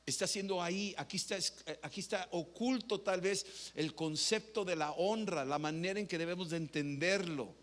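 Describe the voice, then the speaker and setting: Brief: male preacher, conversational sermon, rhetorical questions, somewhat high pitch. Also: moderate pace, hardly any pauses, fairly bright tone.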